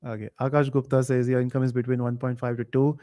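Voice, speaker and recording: A man hosting a live online quiz, reading chat comments aloud and thinking out loud with fillers. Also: medium pitch, level tone, fast. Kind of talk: casual live stream chat.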